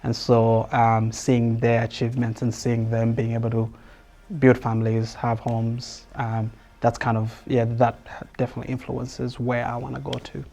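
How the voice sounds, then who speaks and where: A man's voice: mid-range voice, completely flat delivery, normal speed, gravelly, dark tone. A young man giving thoughtful, hesitant interview answers with many fillers.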